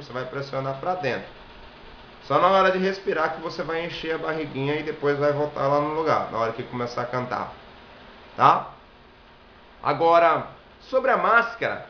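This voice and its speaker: Brazilian guy teaching singing technique, fairly high voice, roomy echo. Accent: Brazilian Portuguese. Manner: explains step by step, demonstrates vowels and sings high examples. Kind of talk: video singing lesson. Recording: echoey room, dull lo-fi sound, faint hiss.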